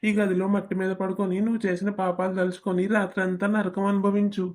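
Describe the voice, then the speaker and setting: Karthik is a hot-tempered young husband in a cartoon family drama, voiced by a woman. He barks threats and insults in a flat, even delivery with an ordinary mid pitch. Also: fast talker, lightly acted. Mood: menacing. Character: furious rural husband, young man, threatening.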